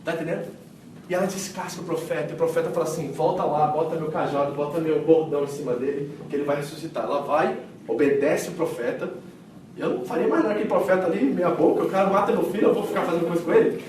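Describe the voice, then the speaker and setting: A high-voiced man preaches, telling the story with vivid acted-out quotes and swinging from loud to hushed. His voice rings through a large echoing church hall, picked up from some distance with faint room ambience behind. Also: steady tone, fast talker, a little hiss or hum. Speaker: pastor. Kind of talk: sermon. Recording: echoey hall miked from a distance.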